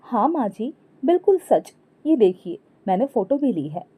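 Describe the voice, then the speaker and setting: A woman's voice: on the high side, big pitch swings, normal speed, husky, narrow, tinny audio. A woman voicing a sly young daughter-in-law who needles sweetly. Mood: tattling.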